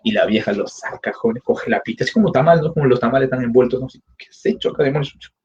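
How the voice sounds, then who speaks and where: A man in the middle of a lecture, retelling a novel as if he were staging it, with sound effects, bursts of character voices and a constant "¿no?" to his students. His voice sits at an ordinary male pitch. The recording is a little dull, with a faint hiss underneath. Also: rapid-fire, darkish tone. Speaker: literature teacher. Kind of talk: animated storytelling lecture. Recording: slightly dull, faint background noise.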